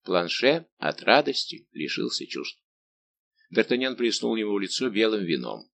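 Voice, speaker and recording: A male audiobook narrator reading in a calm, measured way. His voice sits somewhat low and keeps an even delivery. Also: creaky. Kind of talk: scripted narration.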